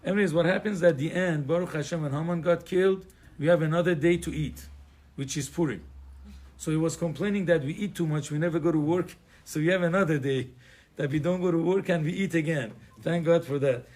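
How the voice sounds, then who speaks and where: A man's voice: a little high, fairly quick, darkish tone. A man from Iran, a rabbi teaching an informal Torah class in a conversational, digressive way with joking asides and plenty of fillers.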